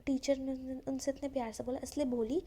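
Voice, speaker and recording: A woman teacher explains a story line by line in a relaxed way. She often drops into half-whispered speech. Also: sits high, a little fast, a little hiss or hum. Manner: relaxed, retells each line and explains it, often says "you know". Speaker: English teacher.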